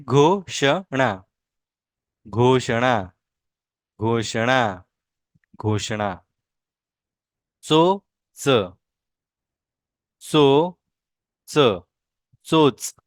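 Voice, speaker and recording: A male language teacher leading a pronunciation lesson, repeating each word slowly several times and then explaining patiently. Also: mid-range voice, no echo, clean studio sound.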